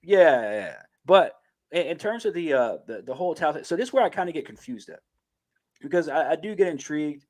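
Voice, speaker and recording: A man's voice: on the high side, lively intonation, a little fast, a little mellow. Laid-back swearing podcast man. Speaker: podcast co-host. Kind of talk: casual chat.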